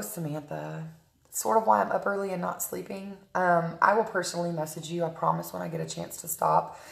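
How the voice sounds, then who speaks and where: A woman with a low, dark voice talks viewers through her makeup live from home, filling her pauses with "um" and calling out to viewers by name. Her voice comes through a tablet camera in an echoey room. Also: gravelly. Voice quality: chatty, frequent "um" fillers, greets viewers by name mid-sentence. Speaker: makeup artist livestreaming a tutorial. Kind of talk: casual live makeup tutorial, chatting with viewers. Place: at home in a room, early morning. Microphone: tablet camera on a stand. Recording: roomy echo.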